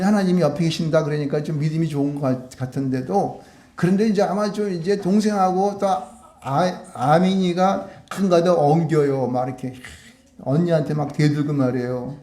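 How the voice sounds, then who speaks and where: Pastor guy doing a kids sermon, high voice, lots of questions back to the room, echoey church. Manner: animated, acts out children's and devil's voices, asks the congregation questions. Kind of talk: children's sermon.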